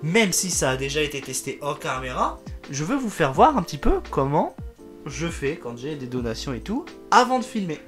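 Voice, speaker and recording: A man's voice: on the high side, very animated, normal speed, fairly bright tone. Male vlogger, casual tech teardown, chatty and self-correcting, faint music bed. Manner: rambling, self-correcting, fond of "donc". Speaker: tech video creator. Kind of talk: casual hands-on tech vlog.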